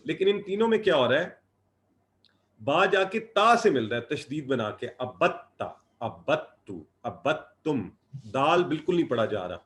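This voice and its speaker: A man teaching an Arabic grammar class. He explains patiently and drills verb forms in slow, repeated lists. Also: on the high side, very animated, a bit bright. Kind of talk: online class lecture.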